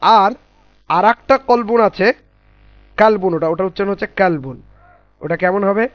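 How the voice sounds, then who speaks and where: A man teaching Quran letter pronunciation in a class, patiently spelling out sounds slowly and repeating them. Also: high voice, no echo, lo-fi sound.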